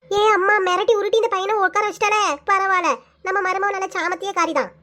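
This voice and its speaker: A woman's voice: very high-pitched, fairly even intonation, brisk, pushed and bright. A woman voicing a nosy older mother-in-law who fusses and chides in a Kanyakumari Tamil accent, in a cartoon. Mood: fussing.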